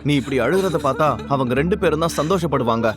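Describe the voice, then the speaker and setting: A man's voice: a little high, animated, fast, lightly acted. A man voicing a dismissive young elder brother in an audio story, speaking curtly. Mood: chiding.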